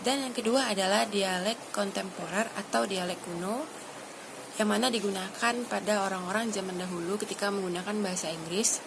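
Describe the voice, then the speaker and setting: A woman's voice: medium pitch, fairly even intonation, fairly quick, vocal fry, noisy background. A woman student giving a class presentation, explaining steadily with frequent hesitations.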